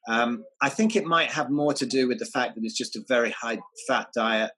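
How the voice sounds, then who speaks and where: A man's voice: medium pitch, normal speed, a bit bright, slightly rough, low-quality recording. A man talking as an interview guest, enthusiastic, stumbling over false starts and repeated words. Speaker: guest, health writer. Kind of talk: casual interview chat.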